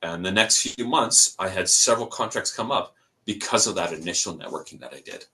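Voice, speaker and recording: In a low-quality recording, a young Canadian man talks fairly quickly in a low voice with vocal fry and a Canadian accent. As a podcast guest, he tells his story casually and animatedly, impersonating the people in it.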